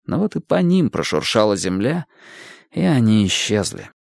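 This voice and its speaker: A man narrating an audiobook in an expressive storytelling manner. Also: on the low side, normal speed, gravelly, dry recording, studio quality. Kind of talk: audiobook reading.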